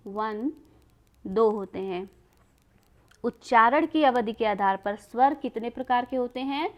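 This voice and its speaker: A woman teacher explaining exam questions to students, repeating each question and answer and asking rhetorical questions, words into her speech. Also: a little high.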